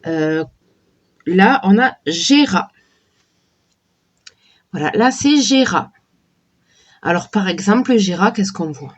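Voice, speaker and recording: Slow-talking woman with a cold. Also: medium pitch, expressive, highs cut off. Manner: slow, hesitant, many fillers and restarts. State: has a cold, sore throat. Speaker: tarot and oracle card reviewer. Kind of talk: casual unboxing chat.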